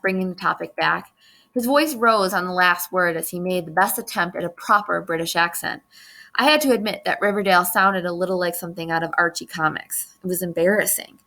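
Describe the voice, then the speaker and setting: Brief: woman audiobook narrator, bright and clear, measured memoir reading. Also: on the low side.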